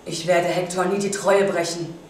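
An actress performing a stage monologue as a proud, grieving widowed queen and mother, measured and deliberate. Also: fairly low pitch, fairly even intonation, distant mic, natural voice. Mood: resolute. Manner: measured, bursting into bitter outrage, then tender. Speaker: acting student. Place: stage or studio hall. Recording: very echoey stage from afar.

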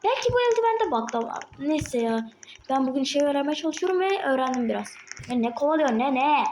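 A woman with a slightly sore throat, chatting excitedly to viewers while playing a game on a tablet. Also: sits high, brisk, slight background noise. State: sore throat, a bit ill. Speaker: gaming channel host. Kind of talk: casual gameplay commentary. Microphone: tablet microphone.

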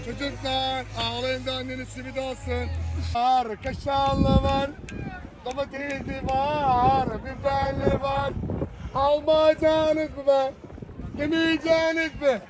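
A man's voice: very high-pitched, completely flat delivery, takes it slowly, rough recording. A middle-aged man from Thrace with a Thracian Turkish accent, a beach simit seller who calls out teasing, joking sales lines and talks about his work. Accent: Thracian Turkish dialect. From Thrace, Turkey. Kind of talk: street hawking and short interview. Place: outdoors on a beach. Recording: outdoor wind noise on the mic.

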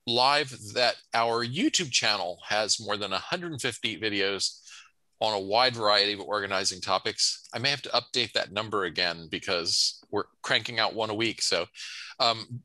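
A man with a very bright, sharp-edged voice co-hosts a webcast, running through announcements and viewer notes. The sound is close and dry, and he delivers it all with low-key humor. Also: dry recording, poor audio. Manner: reads comments and plugs with dry humor. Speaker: co-host.

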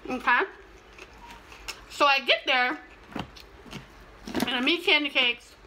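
A woman's voice: sits high, slow pace. A young woman vlogger chatting casually and animatedly as she eats in front of a camera in a small room, sometimes talking between bites. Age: young adult. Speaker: mukbang vlogger. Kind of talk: casual chatty talk while eating on camera. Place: small plain indoor room. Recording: clear background noise, clicks.

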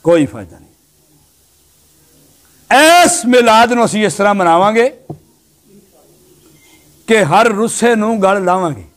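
A male preacher giving a sermon to a gathering, telling stories animatedly and swinging between loud exhortation and low, hushed asides. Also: expressive, measured pace, long pauses.

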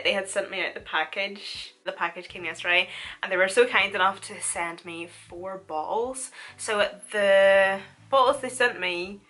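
Beauty vlogger: woman in her twenties, crisp bright tone, informal and chatty, mid pitch. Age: 20s. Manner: informal, chatty, animated storytelling. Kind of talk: casual chatty makeup tutorial. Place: small room at home, indoors.

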